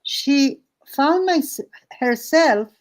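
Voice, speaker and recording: A woman who hosts an art and story stream casually improvises a story in English, which isn't her native language. Her voice is high and animated, and she halts phrase by phrase with searching pauses.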